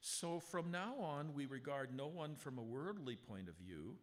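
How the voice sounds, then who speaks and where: A pastor with a strong, expressive voice of fairly high pitch gives a sermon from the pulpit of a church sanctuary. He speaks with the congregation in a conversational way, asking rhetorical questions, and reads scripture aloud slowly and with emphasis. A handheld or stand mic, adjusted live, picks him up amid a long hall reverb.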